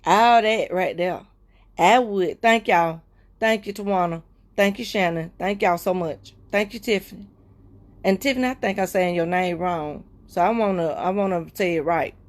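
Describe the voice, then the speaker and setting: On her livestream, a woman with a voice on the low side tells viewers a heartfelt personal testimony. She repeats herself in a preacher-like cadence, often slowing and dropping to quiet murmurs.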